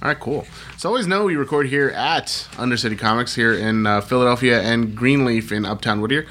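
A man's voice: medium pitch, brisk, fairly bright tone, slight background noise. A man with an American accent co-hosting a podcast, chatting in a rambling, informal way. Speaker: podcast co-host. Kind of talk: casual chat about comic books.

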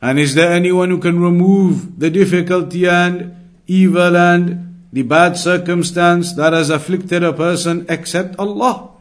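A man with a high, steady voice speaks a little slowly while teaching an Islamic lesson. Acting as a religious teacher, he reads Arabic text, explains it instructively, and restates ideas to emphasize them.

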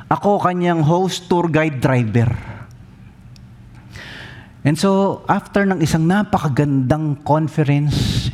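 A Filipino-accented man preaching as a pastor, telling stories in a teasing, animated way and switching into English phrases. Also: fairly high pitch, slow pace, long pauses. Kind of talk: humorous sermon.

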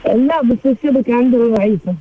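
A woman calls in over a weak connection, so her voice comes through a narrow, muffled phone line. She talks fast but falters and pauses often, and her voice is breathy and husky. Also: fairly high pitch. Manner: hesitant, halting, with many fillers. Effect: thin phone-line sound over a weak connection. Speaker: caller.

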